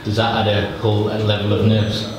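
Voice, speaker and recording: A man's voice: lowish voice, completely flat delivery, fairly quick, crowd noise. A man interviewing musicians backstage in a matter-of-fact, casual way. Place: backstage room, indoors. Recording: echoey room with background noise.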